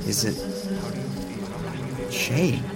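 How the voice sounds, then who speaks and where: Rain falls and a score plays as a man narrates an audio drama in the first person, his delivery slow, quiet and inward-looking.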